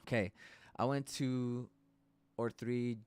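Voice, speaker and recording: A man's voice: mid-range voice, steady tone, slow pace, a little mellow, clear, resonant tone, soft background music. A man hosting a live trading stream, talking loosely and casually through chart analysis, swearing and laughing as he goes.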